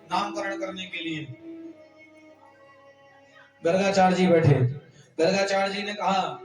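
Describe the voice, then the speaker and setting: A man's voice: high-pitched, a little mellow, reverberant, far from the mic, low-quality recording. A man giving a devotional discourse as a storyteller preacher, acting out the dialogue of the story. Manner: tells the story in voiced dialogue, breaks into sung Sanskrit verses. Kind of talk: devotional scripture recitation and storytelling.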